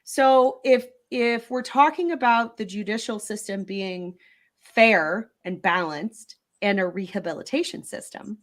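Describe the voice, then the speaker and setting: Talking a little slowly in a medium-pitched voice, this female podcast host thoughtfully works through her views in casual conversation. She frequently restarts phrases as she builds her case.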